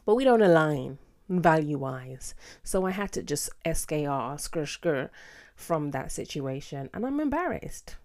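Woman, British accent, low-pitched voice, sassy and theatrical, expressive casual podcast chat. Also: measured pace. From United Kingdom. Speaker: podcast host.

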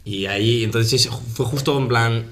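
A young man, a podcast co-host who tells a story with halting restarts and pauses in casual chat among friends. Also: mid-range voice, fairly bright tone.

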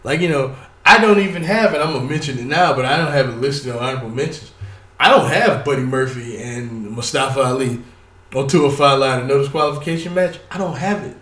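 A man's voice: mid-range voice, fairly quick, a bit bright, reverberant, recorded from a distance. A man casually talking about pro wrestling on his own, rambling and cursing, with lots of fillers and stutters. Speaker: wrestling commentator. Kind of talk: casual solo talk.

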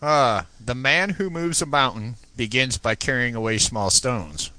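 A man's voice: medium pitch, a little slow, no echo, low-quality recording. A man casually chatting and reading inspirational quotes aloud. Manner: relaxed, reads quotes aloud. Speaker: co-host.

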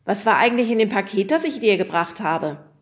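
A woman's voice: mid-range voice, expressive, a little fast, voice pushed up, lightly acted. Woman doing a clipped, offhand postman. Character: casual grown-up male postman.

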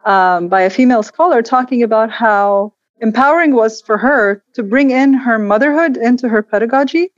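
A fairly high-voiced woman from Egypt who grew up in Kuwait talks as an interview guest. She tells her story in quick, animated bursts and often restarts or repeats words mid-thought. Her voice has a dull, slightly lo-fi sound with no room echo. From Egypt, raised in Kuwait. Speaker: guest, educator. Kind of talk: candid interview conversation.

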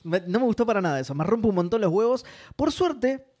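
A young man with an Argentine accent chats about games on a podcast. His voice sits fairly high, and he talks in an animated way, full of swearing and laughter. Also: brisk. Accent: Argentine Spanish. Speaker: podcast co-host. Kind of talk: casual gaming chat.

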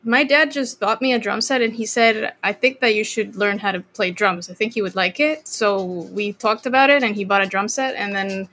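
A woman's voice: mid-range voice, normal speed, hardly any pauses, a little hiss or hum. Chatty young woman from Costa Rica. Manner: relaxed, rambling with many fillers and restarts. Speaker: guest drummer. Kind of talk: casual interview chat.

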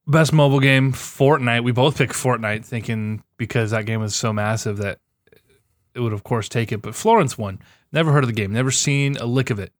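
A young man co-hosting a podcast, sarcastic and animated, swearing as he goes over award results. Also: mid-range voice, brisk, no room sound, studio quality. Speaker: podcast co-host. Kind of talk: casual chat.

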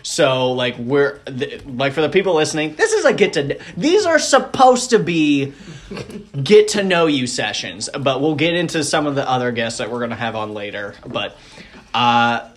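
A young man in his twenties hosts a podcast with easy, casual chat. He tells stories with animation, his pitch leaping and falling, and he breaks into loud acted quotes. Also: sing-song, normal speed. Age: 20s. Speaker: podcast host.

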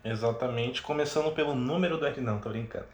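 A man's voice: medium pitch, fast. Casual male host in a roomy recording. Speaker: show host. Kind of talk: casual chatty hosting. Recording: roomy sound with music behind.

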